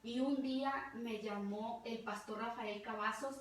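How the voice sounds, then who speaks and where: A woman's voice: on the high side, fairly even intonation, measured pace, a little hiss or hum. A middle-aged woman with a Mexican accent, preaching a fervent testimonial sermon and repeating words for emphasis. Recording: very echoey hall, distant mic, faint ambience.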